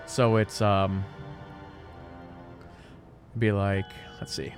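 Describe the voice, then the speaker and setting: Slow, joking male streamer. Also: on the low side, level tone. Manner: joking, self-mocking, rambling. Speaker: game streamer. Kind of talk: casual chat. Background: game music.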